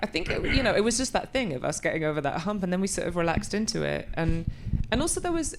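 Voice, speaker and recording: A woman's voice: on the low side, very animated, quick pace, creaky, a little hiss or hum. A woman in her forties being interviewed about her acting work, thoughtful and often restarting as she searches for words. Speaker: actor, interview guest. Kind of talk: conversational interview.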